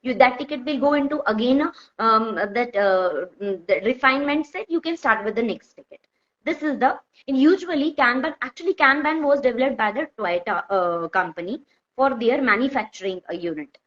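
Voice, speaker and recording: A woman with a North Indian accent explaining informally with examples, in halting, repetitive phrases that she often corrects as she goes. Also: a little high, animated, fairly bright tone. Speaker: software testing expert, guest speaker. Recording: dull, lo-fi audio.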